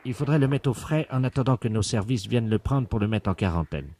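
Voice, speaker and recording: With a mid-range voice, a prank caller poses as a pompous male scientist investigating a virus outbreak for radio, mixing a deadpan phone call with hushed radio commentary. He articulates deliberately, sounding solemn, pedantic, and instructive.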